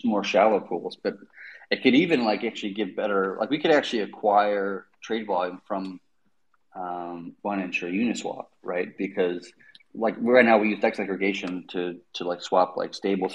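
Lowish voiced guy hosting a casual tech chat, rambles through explanations, says like a lot. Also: muffled recording. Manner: informal, rambling explanations peppered with "like" and "right". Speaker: host. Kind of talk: casual unscripted tech discussion.

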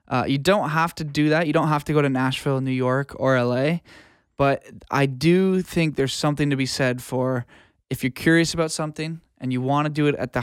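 A man of medium pitch and smooth voice offers career advice as a guest in a casual interview, speaking informally and earnestly. He's a music producer and audio engineer, and the clean studio recording has no room sound.

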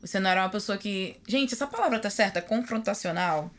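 A woman with a Brazilian Portuguese accent hosting a casual podcast chat, slangy and expressive, with casual swearing. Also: mid-range voice, very fast, slight background noise. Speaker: podcast host.

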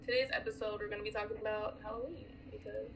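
A woman from the United States co-hosting a casual podcast, talking in an animated, filler-heavy way. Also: mid-range voice, quick pace, creaky, a little hiss or hum. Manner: animated, chatty, many fillers. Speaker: podcast co-host. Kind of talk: casual chat.

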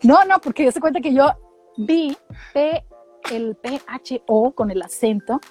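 A middle-aged woman from Mexico with a Mexican accent, telling animated, slangy stories in casual chat and acting out what people said. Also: high voice, a little slow, soft background music. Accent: Mexican Spanish. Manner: animated storytelling, slangy, acts out quotes.

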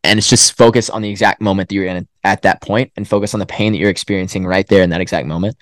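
A man's voice: low voice, steady tone, fast, no room sound, studio quality. A young man, a college runner, telling a story in a casual podcast interview, acting out his own self-talk. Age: young adult. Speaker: guest, college track runner. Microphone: podcast microphone.

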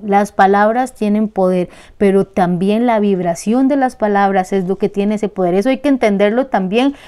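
A Costa Rican woman hosting a casual spiritual talk, blunt, colloquial and animated. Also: mid-range voice, clear, resonant tone.

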